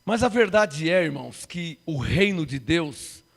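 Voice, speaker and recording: A man in his fifties preaching a sermon, firing rhetorical questions at the congregation and swinging from loud to hushed. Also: on the high side, lively intonation, a little slow, vocal fry. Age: 50s.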